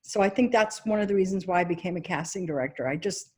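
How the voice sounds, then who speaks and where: Woman casting director with a New York accent, animated and chatty, interview guest. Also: on the low side, fast, husky. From Egypt. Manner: animated, laughs often, quotes herself. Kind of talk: casual interview chat.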